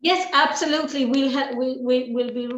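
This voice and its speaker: A woman's voice: sits high, fairly even intonation, normal speed, a bit bright. A woman with an Irish accent, hosting a casual interview in a chatty, complimentary way. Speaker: show host, interviewer. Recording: echoey, roomy sound.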